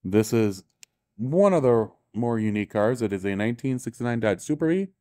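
With a warm, animated mid-range voice and a fairly quick pace, a man who guides show tours and writes books gives offhand, enthusiastic commentary on cars while strolling a large indoor exhibition hall. He corrects himself as he goes, and the audio is studio quality.

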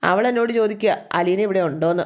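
A woman voicing a quarrelsome elderly mother who scolds in a shrill, aggrieved way while retelling a serial. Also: fast talker, close to an everyday voice.

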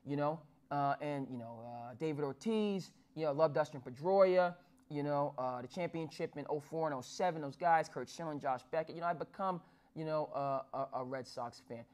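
Speaking at a moderate pace, this thirtysomething New Jersey sports talk host has a smooth, slightly mellow voice pitched a little high. He favors formal wording, though fillers and restarts crop up often. He's in a small studio against a dark backdrop.

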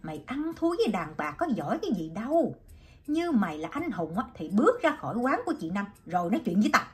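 A woman's voice: medium pitch, big pitch swings, fast, faint music behind, natural voice. A woman voicing a hot-headed husband who confronts another man to defend his wife in a storybook reading. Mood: confrontational. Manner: challenging, confrontational.

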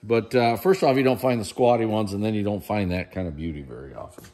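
Filmed on a handheld camera in a big warehouse, a middle-aged man talks fast about auction items, his lowish voice a little mellow over soft background music. His casual walkthrough is chatty and upbeat, full of praise for the pieces.

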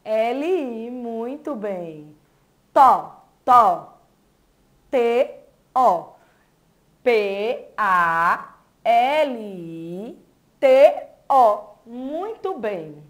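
Slow, patient woman teaching young children. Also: a little high, animated. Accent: Brazilian Portuguese. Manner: slow, syllable-by-syllable sounding out with praise. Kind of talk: early literacy lesson for young children.

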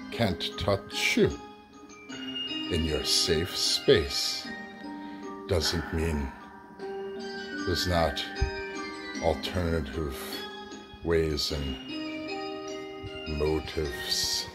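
Guy doing a creepy old vampire uncle host, super deep, crawling slow, cackles a lot, xylophone music behind. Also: full character voice. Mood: pontificating. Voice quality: theatrical, cackling laughs between lines. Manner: slow, drawn-out, menacing pontificating. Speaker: show host character. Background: mallet and xylophone music.

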